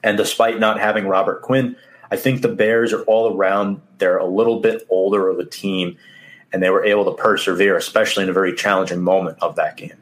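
Low-pitched New sports host. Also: male voice, steady tone, fairly quick. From Queens, New York City. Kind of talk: live sports talk show hosting.

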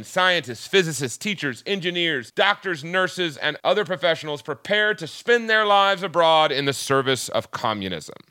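A man's voice: fairly high pitch, pushed and bright, no echo. A man with a Southern US accent, explaining history in a casual, jokey podcast chat. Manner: jokey, explanatory, punny dad jokes.

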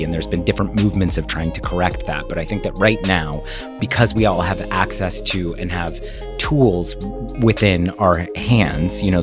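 A man talking earnestly about the camp he founded, rambling with fillers and restarts, choked up at times. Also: deep voice. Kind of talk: interview clips.

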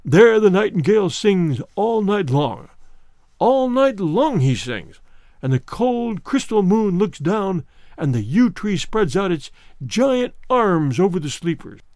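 Storybook: a sleepless old ghost voiced by a man who talks in a dreamy, faraway way, high and lilting, dry close sound. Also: big pitch swings, slow pace, a little mellow, dry recording, full character voice. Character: lonely, weary old male ghost, centuries sleepless. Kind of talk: storybook reading.

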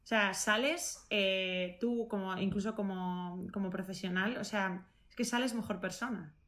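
A woman nutritionist, answering interview questions casually and with enthusiasm. She thinks aloud, often rephrasing herself and filling pauses. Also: medium pitch, fairly even intonation, a bit bright.

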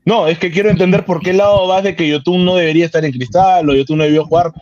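A man on a football panel who steps in to reason calmly with the others. He talks fast in a slightly raised voice, and the recording sounds dull and lo-fi. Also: a little high. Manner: calm, reasoning, mediating. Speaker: sports panelist. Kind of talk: heated football debate.

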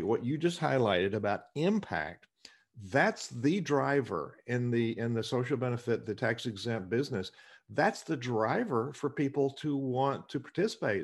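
A man speaks in a husky, slightly rough voice in earnest discussion. He explains his points with emphasis, often doubling up words as he gets a phrase going. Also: medium pitch. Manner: repeats words as he starts phrases.

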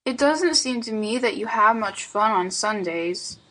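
Over poor audio, a woman with a mid-range, somewhat bright voice and lively intonation voices a mischievous, earnest little boy from a storybook, speaking a little slowly. He sounds despondent and pondering, using childish slang and plaintive reasoning.

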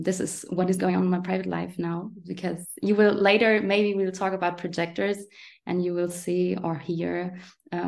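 German-accented young woman, gravelly low voice. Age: late 20s. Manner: soft-spoken, pauses and restarts while searching for English words. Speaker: guest coach. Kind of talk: casual podcast interview.

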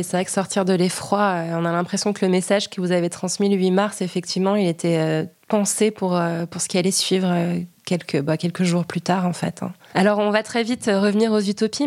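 A woman hosting a podcast interview, asking measured, gently probing questions. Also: lowish voice, steady tone, no room sound, clean studio sound. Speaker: podcast host.

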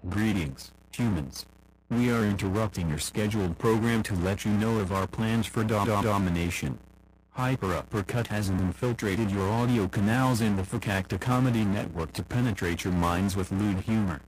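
An actor playing an invading machine overlord in a comedy ad, his voice run through a deep robot filter. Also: normal speed, husky, low-quality recording. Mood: menacing. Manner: menacing mock announcement. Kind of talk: comedy podcast ad.

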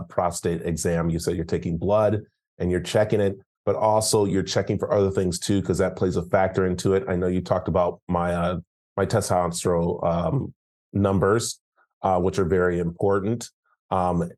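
A man's voice: low-pitched, a little mellow. A middle-aged man hosting a podcast, chatting casually about health, giggling and restarting his sentences. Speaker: podcast host.

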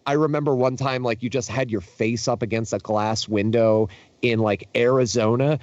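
A man's voice: mid-range voice, steady tone, normal speed, darkish tone, no room sound, muffled recording. A young man in casual chat, telling tour stories in a rambling, profane way with lots of fillers and restarts. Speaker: podcast guest, touring musician.

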